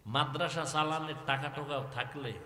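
A man preaching a waz sermon under a pandal, chanting melodically and swinging from soft passages to loud, dramatic exclamations. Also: fairly high pitch, fairly even intonation, moderate pace, a little hiss or hum. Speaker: Islamic preacher. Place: religious gathering under a pandal. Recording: echoey hall with long reverb.

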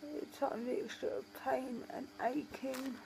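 A woman's voice: high-pitched, fairly even intonation, a little slow, creaky, background noise. A tired woman talking with a sore, swollen jaw after surgery, in a casual late-night video diary. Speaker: vlogger.

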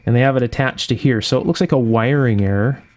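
The host of an electronics repair channel works at an indoor workshop bench, walking through a hands-on repair step by step. Unscripted, he thinks aloud methodically. His mid-range voice has a darkish tone, and he talks fast.

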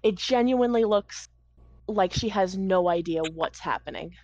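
A woman's voice: mid-range voice, normal speed, no echo, lo-fi sound. Casual woman narrating a tabletop game. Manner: relaxed, casual narration with many fillers. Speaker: game master.

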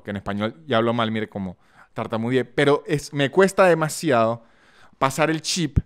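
Male podcast host, Venezuelan Andean accent, expressive and joking, stumbles often; pitched a bit high. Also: smooth. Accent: Venezuelan Andean, San Cristóbal. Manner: chatty and expressive, jokey asides, frequent stumbles. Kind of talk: casual podcast monologue with ad reads.

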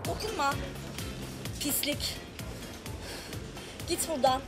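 Furious jealous woman, very high voice. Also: lively intonation, takes it slowly, over music. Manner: furious, jealous, repeats herself. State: shaking with anger. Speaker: prank victim. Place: café.

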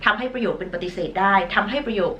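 A woman's voice: medium pitch, a bit bright, slight background noise. Nasal-voiced woman teaching English vocabulary. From Thailand. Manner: patient, drawn-out model pronunciations; self-conscious about her nasal voice. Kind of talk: recorded online lesson.

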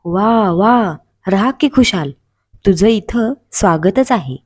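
A woman voicing a kind, grandfatherly old male mountain in a children's story, with a mellow, slightly breathy voice. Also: mid-range voice, expressive, takes it slowly. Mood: welcoming.

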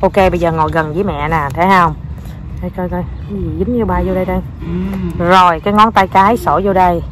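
A woman's voice: on the low side, steady tone, fast talker, fairly bright tone, slight background noise. A young woman with a southern Vietnamese accent, a mother talking in a casual family vlog, coaxing and cheering on her small child and mixing in English words.

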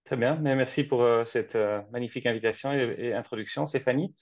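A man from Belgium in his forties, speaking in a measured way with frequent restarts, interviewed over a video call from his office. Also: mid-range voice, no room sound. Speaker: guest, company co-founder. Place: office, seated at a desk. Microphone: webcam on a video call. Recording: dull lo-fi video call audio.

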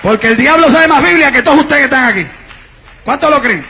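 A man evangelist preaching a sermon to a congregation, telling a dramatic story, shouting and calling out to the people. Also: extremely high pitch, expressive, quick pace, a faint crowd, slight background noise, poor audio. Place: church before a congregation.

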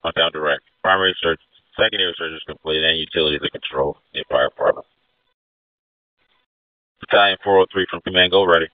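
A man acting as incident commander, giving brisk orders over a two-way radio. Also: deep voice, steady tone, smooth, no echo. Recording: narrow phone-like radio channel.

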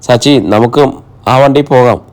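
A man voicing a calm, good-natured young man in an audiobook, reassuring his mother and sister. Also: medium pitch, normal speed, lightly acted. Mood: patient.

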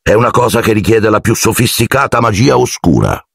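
A man voicing Silente, a calm, wise old male headmaster who speaks quietly and firmly. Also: fairly low pitch, creaky, breathy edge, no room sound, clean studio sound, pitched above the performer's own voice, heavily acted. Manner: calm, slow, firm.

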